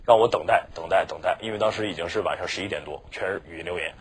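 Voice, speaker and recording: Talking very fast in a low voice, this Mandarin-speaking teacher keeps his exam-prep lecture chatty. He repeatedly tosses out "是吧" to make sure his students are with him.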